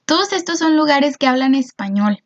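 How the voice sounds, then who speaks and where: A woman's voice: high-pitched, lively intonation, normal speed, muffled recording. A woman teacher, patiently explaining a lesson and often checking in with her students. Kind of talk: recorded class explanation.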